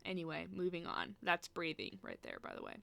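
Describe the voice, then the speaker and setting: A woman's voice: fairly low pitch, wildly swooping pitch, fairly quick, vocal fry, pushed and bright. Self-mocking woman stumbling through terms. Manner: self-mocking, stumbles over hard words. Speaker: student video presenter. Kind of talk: casual study vlog.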